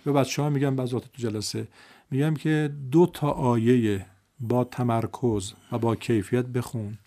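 A man teaching Quran recitation, repeating words slowly to show the right and wrong way. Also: medium pitch, fairly even intonation, warm tone. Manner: drills words by repeating them slowly, say this, not that. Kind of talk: recitation lesson.

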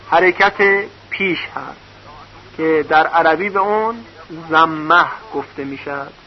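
A man teaching a recorded lesson on reading vowel marks, patiently spelling out syllables one by one. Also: high-pitched. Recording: dull lo-fi recording.

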